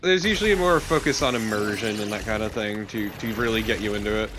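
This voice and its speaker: Here a male let's play co-commentator speaks fast in a fairly low voice, with background noise present. His chat about the game is casual, blunt, and opinionated, with a bit of swearing thrown in.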